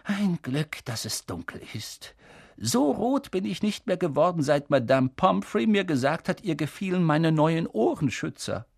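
A reader voicing an old male wizard headmaster, speaking slowly, softly and calmly with a husky tone. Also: mid-range voice, dry recording, clean studio sound, voice pushed up, heavily acted. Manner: slow, soft and measured.

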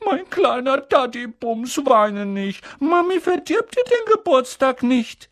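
A man's voice: very high-pitched, big pitch swings, slow pace, fairly bright tone, pitched above the performer's own voice, full character voice. A male audiobook reader voicing a snappish, scolding middle-aged aunt. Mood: cooing. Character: shrill, cross aunt, middle-aged woman.

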